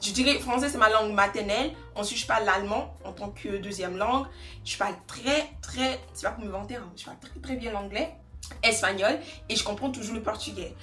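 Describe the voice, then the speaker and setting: In a relaxed get-ready-with-me session, a young woman from Côte d'Ivoire, a beauty vlogger, talks while applying makeup, wandering between topics and laughing a lot. She speaks fairly quickly in a mid-range, fairly bright voice, with reverberant acoustics and soft music in the background.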